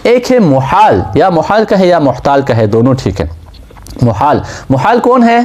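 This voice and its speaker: Male seminary teacher, lively rising and falling pitch, slightly high voice, asks and answers his own questions. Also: a little hiss or hum. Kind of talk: classroom lecture on Islamic law.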